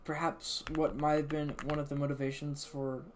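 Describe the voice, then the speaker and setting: A man from an English-speaking country streams a game, chatting casually with viewers and thinking aloud, restarting his sentences often. His voice is fairly high and flat, at a normal speed. Keyboard typing, mouse clicks and some noise sit in the background.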